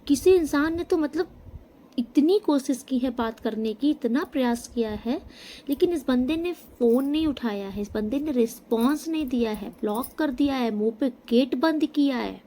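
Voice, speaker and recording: Female tarot reader, higher mellow voice, emphatic direct address, light background hiss. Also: animated, moderate pace. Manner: emphatic, addresses viewer directly with frequent "okay?". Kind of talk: tarot reading monologue. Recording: faint background noise.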